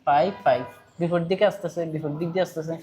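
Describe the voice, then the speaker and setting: Bangladeshi-accented physics tutor, chatty lecture, repeats and quizzes, mid pitch. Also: steady tone, rapid-fire, mellow. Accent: Bangladeshi Bengali. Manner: conversational, quizzes students, repeats points, mixes in English terms. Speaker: physics teacher. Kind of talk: online class lecture.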